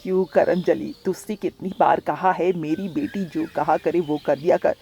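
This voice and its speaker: A woman's voice: low-pitched, fairly even intonation, moderate pace, mellow, lo-fi sound, pitched below the performer's own voice. Woman doing a cruel scolding stepmother bird. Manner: scolding, harsh. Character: cruel harsh stepmother bird, female, middle-aged.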